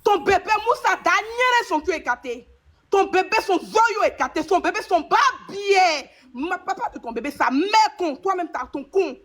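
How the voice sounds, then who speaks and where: A woman's voice: very high voice, expressive, moderate pace, fairly bright tone. A woman with an Ivorian French accent trading rhythmic, repetitive insults on a live stream panel.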